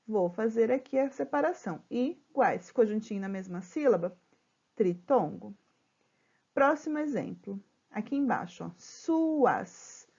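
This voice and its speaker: A Brazilian woman teaches a remote grammar lesson to children in a slightly high voice. She is patient and spells out syllables slowly. She keeps checking in with them. The sound is muffled and lo-fi, as if from a laptop mic. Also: expressive, creaky, warm tone, husky. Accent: Brazilian Portuguese.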